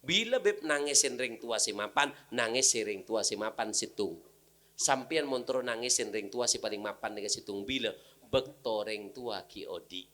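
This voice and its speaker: A man with a Madurese accent giving a humorous sermon, animated, with sudden loud outbursts. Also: lowish voice, moderate pace. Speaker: preacher.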